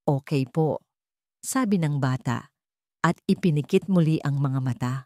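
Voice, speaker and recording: A Filipino woman narrates a dramatic love story in a measured, emotive reading. Her voice is on the low side and a little mellow, recorded close and dry with no room sound.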